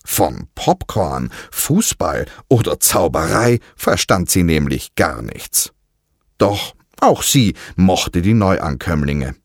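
A man narrating a children's storybook in an expressive, leisurely way. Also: low voice, slow pace, dry recording, studio quality.

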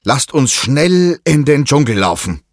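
A calm island sorcerer from a storybook takes the lead, as a man plays him. He speaks steadily and decisively, in a voice set a little higher than normal. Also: measured pace, no room sound, studio quality. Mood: serious. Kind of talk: children's audio story.

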